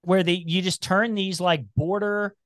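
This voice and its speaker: A man's voice: sits high, measured pace, no room sound, studio quality. A man from Cincinnati with a slight Appalachian twang, chatting casually and rambling as a podcast guest. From Cincinnati, Ohio, US. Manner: rambling, animated, many restarts.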